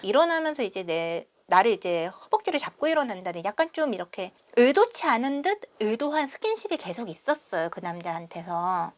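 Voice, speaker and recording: A woman's voice: a little fast, hardly any pauses. A young woman vlogger telling a travel story casually to camera, acting out the quoted lines. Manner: animated, acts out quoted lines with big pitch jumps.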